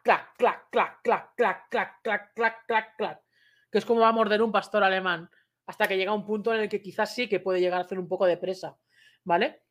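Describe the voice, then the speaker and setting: A woman's voice: medium pitch, a bit bright. A woman commenting on a dog attack video in a casual, conversational way, often checking in with her listener and explaining step by step. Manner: imitates bite sounds and raises voice for emphasis.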